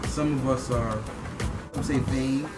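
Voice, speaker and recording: A middle-aged man from Liberia talks through his views in an earnest, opinionated way, often pausing on fillers and restarting his sentences. His voice sits at an ordinary middle pitch. Loud music plays behind him throughout. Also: steady tone, poor audio. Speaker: interviewee. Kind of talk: casual interview answers.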